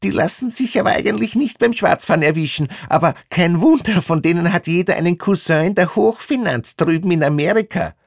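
A woman's voice: fairly low pitch, animated, brisk, vocal fry, few pauses, no echo, clean studio sound, pitched above the performer's own voice. A man voicing a relentless, bigoted female ticket inspector who rattles off questions in a clipped, accusatory way. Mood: shrill, bigoted.

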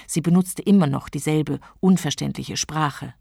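A woman reading a story aloud, narrating evenly and measured. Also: low-pitched, creaky, dark tone, husky, dry recording, studio quality.

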